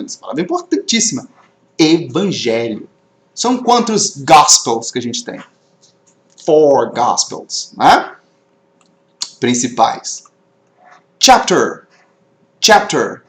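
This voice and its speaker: Male English teacher, animated delivery, drills words for repetition, echoey room. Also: a little high. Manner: drills words aloud, slips English terms into Portuguese. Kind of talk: online class, teaching vocabulary. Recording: roomy echo.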